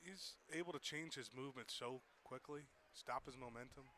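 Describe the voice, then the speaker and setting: A man's voice: medium pitch, moderate pace, pushed and bright, slight background noise. A man giving chatty, analytical baseball color commentary who laughs easily.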